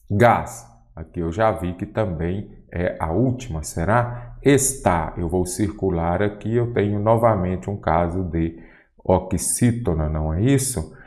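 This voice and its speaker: A man's voice: low voice, a little mellow. A Brazilian man teaching Portuguese in an online exam-prep lesson, posing questions and answering them himself. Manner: didactic, asks and answers his own questions.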